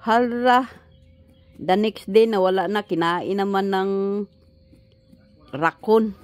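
A woman with a Filipino accent chatting slowly and warmly to her pet chickens outdoors, coaxing them and laughing, recorded on a handheld phone. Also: mid-range voice, soft background music. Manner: slow, chatty, laughing, coaxing baby talk. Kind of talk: casual chat to pets and camera. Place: outdoors on a patio lawn. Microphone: handheld phone pointed down.

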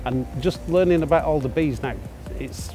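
A man's voice: fairly high pitch, moderate pace, mellow, soft background music. Plain-spoken older man. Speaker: volunteer. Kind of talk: interview. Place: outdoors, garden. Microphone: lapel.

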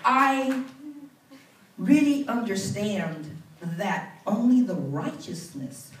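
An older woman gives a church testimony into a handheld mic, unhurried and a little low, climbing now and then into fervent bursts. Her voice carries from a distance through an echoing sanctuary, with a faint hiss underneath. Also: lively intonation. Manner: earnest, building to fervent bursts. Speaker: church minister. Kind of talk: testimony speech. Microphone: handheld mic, far camera. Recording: roomy church sound from far off.

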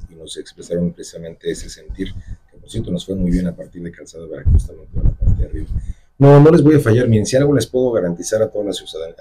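Here a middle-aged man with a Mexican accent, a candidate for mayor, delivers emphatic campaign-speech answers in a radio studio. His low, dark voice is slightly rough, captured by a desk microphone on a stand.

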